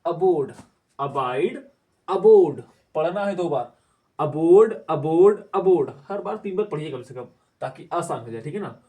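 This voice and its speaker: A man's voice: fairly high pitch, animated, a little fast, far from the mic. A man teaching English vocabulary, repeating each word aloud several times and quizzing the class. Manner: drills words aloud in repetition, asks the class questions. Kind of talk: spoken English lesson.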